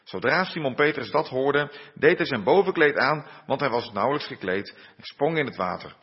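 Husky-voiced preacher in a reverberant church. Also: male voice, medium pitch, expressive. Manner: unhurried, with frequent hesitations and fillers. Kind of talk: sermon with scripture reading. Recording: dull muffled sound in a reverberant church.

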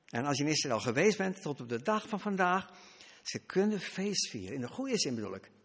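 A man's voice: fairly high pitch, sing-song, brisk, fairly bright tone, breathy edge, long reverb tail. A man preaching a sermon, emphatic, his voice rising and dropping for stress.

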